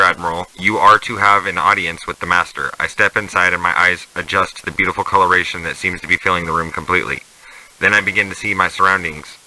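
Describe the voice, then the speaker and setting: Low-voiced man reading a journal aloud. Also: bright, forceful tone, rough recording. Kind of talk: first-person journal reading.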